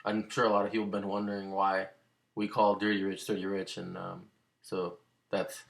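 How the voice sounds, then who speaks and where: Give me a man with a fairly low voice telling a rambling, slangy story to camera. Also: monotone, moderate pace, gravelly. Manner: rambling, slangy, full of fillers.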